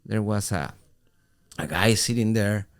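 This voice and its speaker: A middle-aged man co-hosting a podcast, telling an animated story in casual talk with halting restarts. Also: fairly low pitch. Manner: animated, acts out quoted voices, halting restarts. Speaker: podcast co-host.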